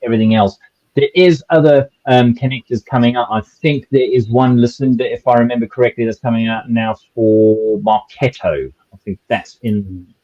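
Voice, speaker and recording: A man's voice: medium pitch, fairly even intonation, normal speed, dull audio. A man with a South African accent speaking on a webinar panel, rambling with many restarts and fillers. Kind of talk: conversational webinar discussion.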